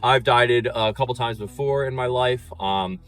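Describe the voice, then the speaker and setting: A man's voice: mid-range voice, normal speed, fairly bright tone, faint music behind. A young man in college talking casually to the camera as a fitness vlogger, laid-back and rambling with lots of ums and likes. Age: young adult. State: slightly out of breath on a treadmill. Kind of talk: casual vlog chat.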